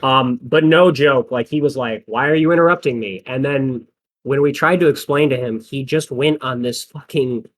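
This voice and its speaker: On a casual podcast, a young co-host from the American Midwest recounts stories, imitating the people he quotes and laughing often. He talks at normal speed in a mid-range voice with fairly even intonation.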